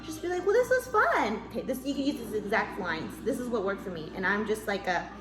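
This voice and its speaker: A woman's voice: fast, over music. A woman vlogging about parenting, telling a story to the camera in a casual, chatty way and acting out what people said. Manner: lively, acts out quoted dialogue in a higher voice. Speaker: mom vlogger giving parenting tips. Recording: echoey room.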